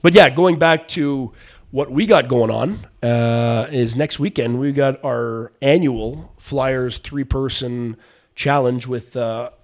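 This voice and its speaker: A man's voice: mid-range voice, slow pace. A man hosting a podcast, chatting casually about sports in a loose, rambling way that drifts between topics. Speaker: podcast host.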